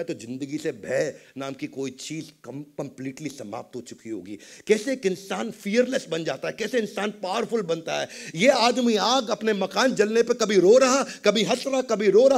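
Animated high-voiced male motivational speaker. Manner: animated storyteller, mixes English phrases into Hindi. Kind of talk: motivational storytelling talk.

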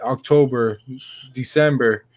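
A man in his thirties speaking at a medium pitch over a video call. He is casual and matter-of-fact and drops the odd swear word. It is a relaxed group conversation. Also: takes it slowly. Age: 30s.

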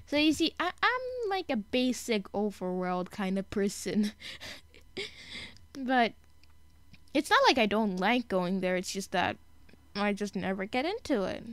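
A woman's voice: medium pitch, a bit bright, no echo. A young woman talks her way through a gaming session in loose, rambling commentary. She often restarts her sentences and giggles at herself. Her voice sits in the middle of the range and sounds close and dry on a desktop mic. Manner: rambling, chatty, with giggles and self-corrections. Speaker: gaming YouTuber. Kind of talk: casual gameplay commentary.

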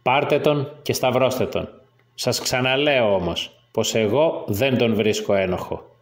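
A man voicing a stern, torn Roman governor in a slow, formal way. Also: medium pitch, close to an everyday voice. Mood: reluctant.

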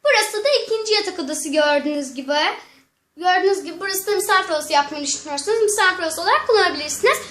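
A woman's voice: very high voice, animated, racing, a bit bright. A woman voicing a polite but pushy female estate agent in a doll play, salesy and repetitive. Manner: salesy, repeats herself.

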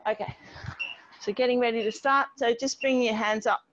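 A woman's voice: on the high side, fairly even intonation, normal speed, background noise. Dull-sounding woman fitness instructor on video call. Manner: encouraging step-by-step cueing while exercising. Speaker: fitness instructor leading an online group class. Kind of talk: exercise class instruction. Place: outdoor home patio with garden wall. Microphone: distant device microphone on a video call. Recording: dull, band-limited video call audio.

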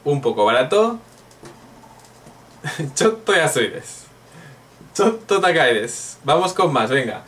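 A man's voice: a little high, very animated, takes it slowly, pauses often, fairly bright tone, distant mic, slight background noise. A man from Spain, teaching a playful online Japanese lesson and drilling phrases aloud.

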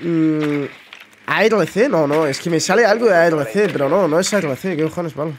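A man's voice: a little high, moderate pace, crowd noise. A man with a Spain Spanish accent giving casual, chatty gameplay commentary to his viewers, swearing often. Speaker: gaming streamer.

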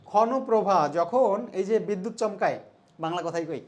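A man's voice: sits high, moderate pace. A young man from Bangladesh teaching an exam solution lesson, conversational and asking his students questions. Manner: conversational, mixes English terms, asks students questions.

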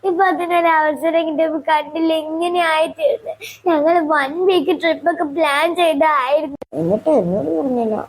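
A woman voicing a weepy, dramatic young daughter-in-law in a cartoon, who wails in a very high, sobbing whine and mixes English into her lines. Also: a little fast, lightly acted. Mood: tearful. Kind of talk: cartoon voice acting.

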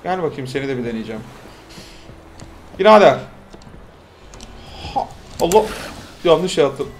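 A young man casually commenting while playing a video game, with loud excited outbursts and shrieks. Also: medium pitch, fast talker, slight background noise. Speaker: gaming streamer. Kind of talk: casual let's-play commentary.

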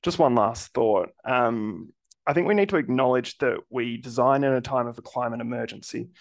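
Gravelly New engineer giving a talk. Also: male voice, medium pitch, normal speed. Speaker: structural engineer panelist. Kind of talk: prepared panel talk.

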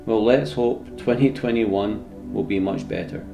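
A man's voice: fairly low pitch, fairly even intonation, unhurried, gravelly, music in the background. Scottish man, casual vlogger. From Scotland. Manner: informal, sweary. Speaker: landscape photography vlogger. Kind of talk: casual vlog talk and narration.

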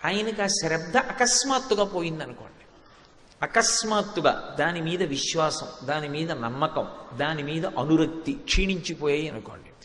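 A man's voice: on the high side, moderate pace, a bit bright. A man giving a devotional discourse from a stage, telling anecdotes and reciting verses, stressing points by repeating words. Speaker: spiritual discourse speaker. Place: stage before an audience. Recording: echoey hall with long reverb.

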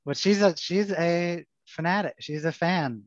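A man's voice: a little high, measured pace, no room sound. A man hosting a casual webinar chat over a video call, jokey and upbeat. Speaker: show host. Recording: muffled video call audio.

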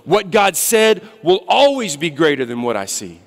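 A man in his thirties preaching as a guest speaker, shifting between quiet reflective asides and loud urgent appeals, on a church stage. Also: fairly high pitch, sing-song, moderate pace. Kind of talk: sermon. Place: large church sanctuary stage. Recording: long hall reverb.

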